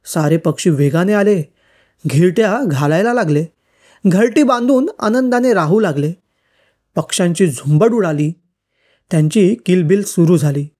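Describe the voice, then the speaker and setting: A woman reading an old school-textbook story for children aloud, in a lilting, expressive storybook manner. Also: fairly low pitch, normal speed.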